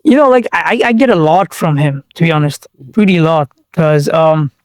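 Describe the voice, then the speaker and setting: The young Bangladeshi guest speaks at a normal pace in a slightly high voice, captured in a dry recording. He keeps the casual chat loose and slangy, with plenty of fillers and restarts.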